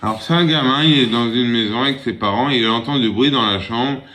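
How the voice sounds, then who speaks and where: A man's voice: fairly quick, noisy background. A man casually telling a string of jokes, with many fillers and raising his voice for the characters in them. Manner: animated, raises pitch for quoted characters; frequent fillers, loose storytelling. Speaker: joke teller.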